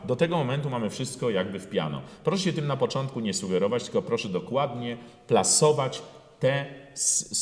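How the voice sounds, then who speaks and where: A man's voice: lowish voice, a little mellow. Man teaching singing in an echoey hall. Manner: explains slowly with many fillers, then sings phrases in full voice. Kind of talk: singing lesson with sung demonstrations. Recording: roomy hall with long reverb.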